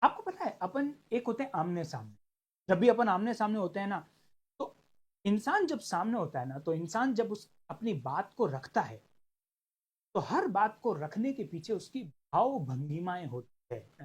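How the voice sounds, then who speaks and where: Lively male law lecturer. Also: sits high, normal speed, breathy edge. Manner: animated, acts out little dialogues; stretches key words for emphasis. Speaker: law lecturer for exam prep. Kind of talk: online class lecture.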